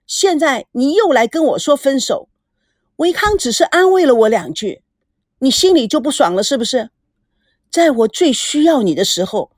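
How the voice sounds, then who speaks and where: A woman voicing a young woman who is hurt and hysterical, talking loudly and accusingly. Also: high voice, no echo, studio quality. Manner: loud, tearful, accusing.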